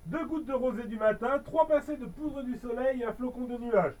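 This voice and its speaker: A man's voice: very high voice, moderate pace, a little mellow, recorded from a distance, poor audio. A man voicing a greedy, cheerful little male elf in a bedtime storybook, with a sing-song, playful manner. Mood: helpful. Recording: voice a bit off-mic.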